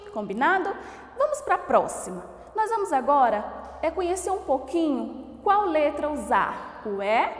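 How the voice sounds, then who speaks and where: A woman teacher from Brazil giving an online grammar lesson, speaking slowly and sounding out each word while checking in with her pupils. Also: high-pitched, roomy sound, big-room sound. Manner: slow, didactic, sounds out words and asks the class questions.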